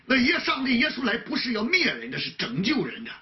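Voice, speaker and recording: High, lively man preaching a sermon. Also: fast, dull audio. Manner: filler "啊" before many phrases, rhetorical questions.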